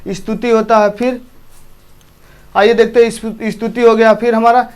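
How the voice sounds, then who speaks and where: High-voiced man from eastern Uttar Pradesh teaching. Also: level tone, normal speed, a little mellow, clear, resonant tone. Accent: Hindi, from eastern Uttar Pradesh. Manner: repeats himself, asks the class questions. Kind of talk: classroom lesson.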